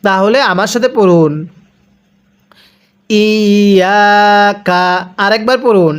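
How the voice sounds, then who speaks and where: A Quran recitation teacher spelling out letters and vowel marks one by one, then drilling each word slowly for listeners to repeat. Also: mid-range voice. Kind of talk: step-by-step recitation lesson.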